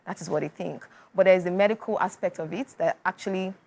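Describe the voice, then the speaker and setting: A woman's voice: fairly low pitch, quick pace, gravelly, a little mellow. A young woman with a Nigerian accent, a filmmaker answering interview questions earnestly with frequent ums and easy laughs. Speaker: filmmaker guest.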